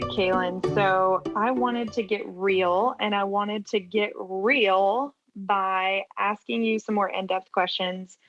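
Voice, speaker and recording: A woman's voice: mid-range voice, no room sound. Thirties woman hosting a church parenting podcast; upbeat, light announcer tone, dry and slightly dull recording. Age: 30s. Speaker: podcast host, family pastor. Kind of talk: casual chat, hosting.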